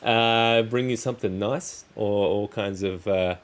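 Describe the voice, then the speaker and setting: A crafting channel host with a fairly low voice chats casually during a relaxed livestream. He rambles, breaking his thoughts into short, halting pieces that tend to trail off.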